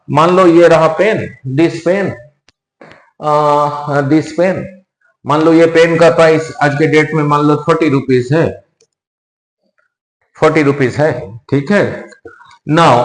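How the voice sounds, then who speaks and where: A man's voice: fairly high pitch, echoey room, low-quality recording. A male physics teacher with an Indian accent, explaining step by step and repeating key words, mixing Hindi with English terms. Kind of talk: whiteboard lecture.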